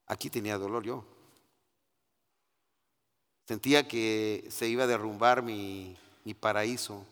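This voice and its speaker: A middle-aged man giving a sermon testimony. He goes from hushed, confiding talk to loud, emphatic preaching and keeps calling his listeners brother. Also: on the low side, steady tone, unhurried, big-room sound.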